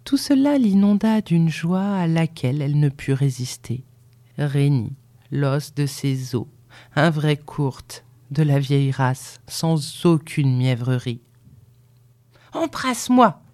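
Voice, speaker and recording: A woman reading a novel aloud as a narrator, in an unhurried and expressive storytelling manner. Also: low voice, dry recording. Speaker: audiobook reader.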